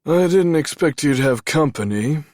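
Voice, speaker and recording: A man's voice: fairly high pitch, expressive, a little slow, a little mellow, no echo, clean studio sound, pitched above the performer's own voice. A man voicing a smug, greedy and cowardly male doctor in an audiobook, with a sneering, condescending manner. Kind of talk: audiobook narration.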